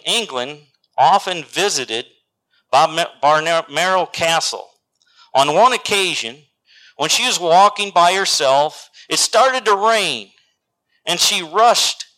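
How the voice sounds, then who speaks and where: A man with a slightly high voice preaches a sermon, reading scripture and telling a story. He swings dramatically between loud lines and hushed whispers, and the recording is rough.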